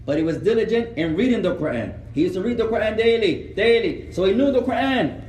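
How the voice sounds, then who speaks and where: An earnest man from the United States teaches a religious lesson in a fairly high voice, repeating words for emphasis. He is picked up from a distance. The room around him rings with echo and a faint hum. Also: expressive, brisk, darkish tone. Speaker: Islamic teacher.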